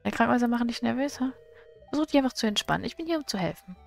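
Woman reading as a gentle game doctor, gravelly. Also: a little high, lively intonation, racing, soft background music. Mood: gentle reassuring. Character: friendly, nervous young male village doctor.

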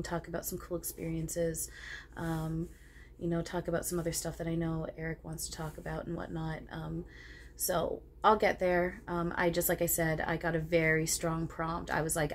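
Low-voiced woman medium chatting casually. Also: fairly bright tone. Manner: informal, earnest, halting. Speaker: spirit medium and video host. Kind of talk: casual vlog chat. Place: home living room. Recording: noticeable background room noise.

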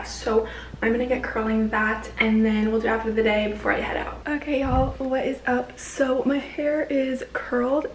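A young woman chatting casually in a vlog with a bubbly, excitable sorority-girl manner, using lots of "like" and emphatic repeats. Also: on the high side. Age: young adult. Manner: frequent "like" and "literally". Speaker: vlogger. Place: small indoor rooms, bathroom and bedroom. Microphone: camera at arm's length. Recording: noisy handheld camera audio.

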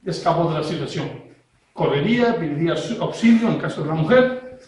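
A man's voice: fairly high pitch, expressive, fairly quick, a little mellow. A man, a self-defense instructor demonstrating techniques step by step and checking in constantly with his learner. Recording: very echoey room.

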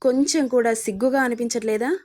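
A woman's voice: a little high, fairly even intonation, fast, darkish tone, natural voice. A woman reading a storybook, voicing a frightened but defiant young wife who speaks in a pleading, indignant way.

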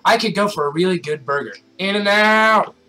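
A man's voice: sits high, normal speed, pushed and bright, slight background noise, poor audio. A young man casually playing a game with a friend, joking and reading dialogue aloud. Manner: joking, voices characters while reading. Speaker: let's play player.

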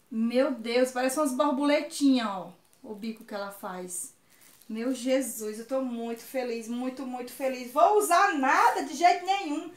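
A woman's voice: sits high, reverberant. A woman from Ceará with a Northeastern Brazilian accent, chatting effusively and exclaiming often as she unboxes on her vlog. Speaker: vlogger.

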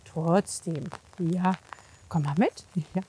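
This is a horse physiotherapist and trainer speaking slowly in a low, warm voice, with slight background noise. She's outdoors at a horse yard in the wind and rain, casually demonstrating by hand, coaxing with short repeated reassurances and talking through what she does.

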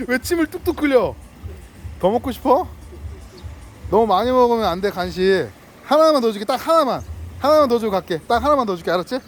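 A man's voice: very high voice, very animated, brisk, faint music behind. A man vlogging outdoors, chatting playfully with dogs and their owner in a coaxing, friendly way and laughing often. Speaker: delivery driver vlogger. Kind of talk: casual talk to dogs and owner.

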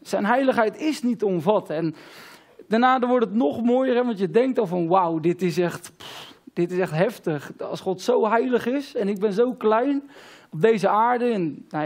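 A man with a Dutch accent gives an informal sermon in a fairly high voice. He talks casually and haltingly, with plenty of fillers and repeated words. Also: darkish tone. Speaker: preacher. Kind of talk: informal sermon on a Bible passage.

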